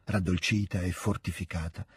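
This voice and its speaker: A man reading a classic novel aloud in a calm, measured way, recorded in a studio. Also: deep voice, husky, no echo. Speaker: audiobook reader.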